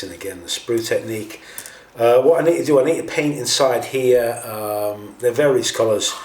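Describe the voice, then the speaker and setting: Thinking aloud with some hesitation, a man hosts an informal scale model painting tutorial. He has a lowish, slightly mellow voice. The recording sounds roomy, with a distant mic and faint noise.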